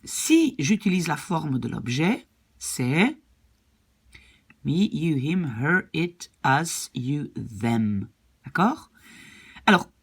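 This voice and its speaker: A woman's voice: low voice, creaky, husky. A woman language teacher patiently explaining grammar rules and often checking that her students follow.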